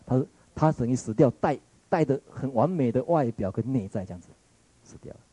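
Male Taiwanese Mandarin lecturer, dark husky voice, dry close sound, rambling reflective storytelling. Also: mid-range voice, lively intonation, a little fast, no echo, rough recording. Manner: musing, searching for words, frequent restarts.

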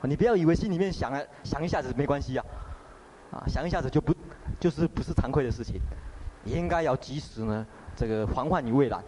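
A man's voice: medium pitch, fast, mellow, slight background noise, natural voice. A man voicing a wise old meditation master admonishing his disciple. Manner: admonishing, instructive.

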